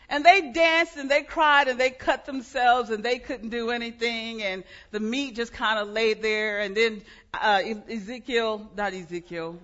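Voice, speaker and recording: Woman preacher, high bright voice, animated storyteller, dull lo-fi sound. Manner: lively storytelling, dropping to hushed tones. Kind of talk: sermon.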